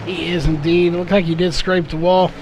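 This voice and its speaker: A man's slightly high voice, with little pitch movement and a moderate pace, carries live race play-by-play through background noise. He leans on fillers and corrects himself often. His voice sounds a touch worn, as though he's slightly losing it.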